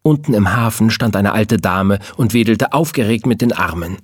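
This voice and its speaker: A man narrating a children's story with lively storytelling. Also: on the low side, normal speed, breathy edge, no room sound, clean studio sound. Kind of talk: scripted narration.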